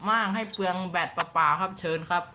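A man's voice: high voice, fast, bright, forceful tone. A man from Thailand hosting a live stream, reading viewer comments aloud with teasing, slangy banter. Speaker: host.

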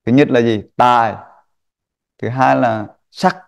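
A man giving a Buddhist Dharma talk to an online group, listing points slowly and asking rhetorical questions. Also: medium pitch, steady tone, creaky.

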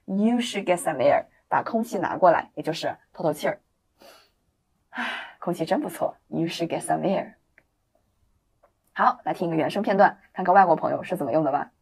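A woman teaching English in a video lesson, explaining with encouragement and reading example sentences slowly and clearly for learners to repeat. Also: low voice. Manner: explains in lively, encouraging classroom talk.

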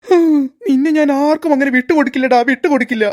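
A woman's voice: sits high, fast, a little mellow, lightly acted. A woman voicing a sneaky middle-aged male school security guard in a cartoon, muttering fondly to his snack and fretting about the principal. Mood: fretful. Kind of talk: cartoon voice acting.

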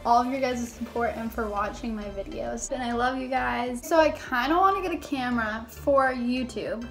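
A young adult woman with a voice on the high side talks at a normal speed, chatting casually with her viewers in a YouTube vlog and filling her speech with frequent "like"s. She records in a small bedroom indoors on a phone held at arm's length, with music playing in the background.

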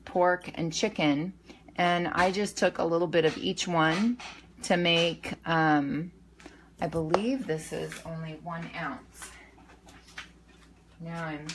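A middle-aged woman chats slowly and loosely in a home kitchen, her voice sitting slightly low. She rambles, circles back and fixes her words as she goes. A faint room hum sits behind her. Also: a bit bright. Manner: chatty, rambling with many fillers and self-corrections. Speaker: weight-loss vlogger. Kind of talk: casual meal-prep walkthrough. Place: home kitchen counter, indoors.

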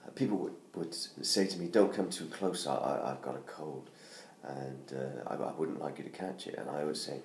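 A middle-aged man from the United Kingdom, hoarse from laryngitis, promotes his book in a casual self-made video from his living room beside a Christmas tree, with many ums and restarts. His voice is extremely low, at a moderate pace with few pauses. A close-range tablet camera captures roomy home sound with faint noise.

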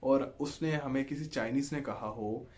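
A man's voice: medium pitch, moderate pace, a little mellow. A man with a Pakistani Urdu accent giving an online language lesson, patient and explanatory, often checking in with listeners. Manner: patient, repeats "ठीक है जी" to check in, draws out example sounds. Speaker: language teacher.

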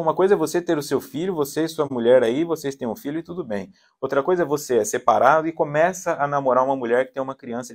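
A man giving a psychology talk at a spiritist center, animated and acting out quoted voices with a shifting tone. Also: mid-range voice.

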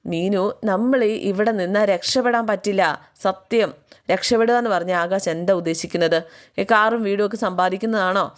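A woman with a medium-pitched voice briskly retells a TV serial's plot in a casual, chatty way, dropping tags like "you know." She acts out the characters' lines herself, giving them playful voices.

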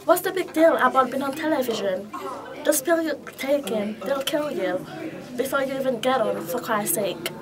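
A woman's voice: sits high, normal speed, close to an everyday voice. A woman auditioning as an exasperated young man scolding his mother, nervous and apologetic between takes. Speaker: auditioning actress. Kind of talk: audition reading. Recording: distant mic, chatter behind.

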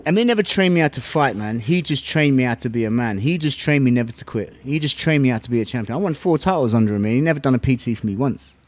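Recorded dry, a southern English man with a mid-range voice talks fast in a casual storytelling interview. He's a former kickboxing champion, animated and slangy with plenty of swearing, reenacting exchanges from memory.

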